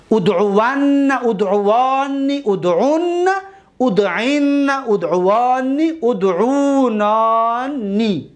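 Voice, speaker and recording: A man with a Tajik-accented Persian voice teaching an Arabic grammar lesson, reciting verb forms slowly and often checking that listeners follow. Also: on the high side, a little mellow. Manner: drills verb forms slowly, stretching each word.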